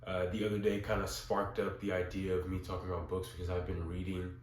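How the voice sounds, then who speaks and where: Low-voiced young man, stuffy nose. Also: completely flat delivery, quick pace. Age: young adult. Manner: informal, rambling, often checking in with "right?". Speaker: vlogger. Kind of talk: casual spoken vlog. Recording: roomy echo, noticeable background hiss.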